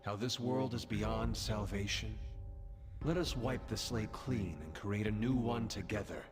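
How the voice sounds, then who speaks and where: A man's voice: fairly low pitch, unhurried, music in the background, close to an everyday voice. An actor playing a grave, mysterious male visitor in a video game. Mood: ominous, beckoning. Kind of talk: dramatic game voice acting.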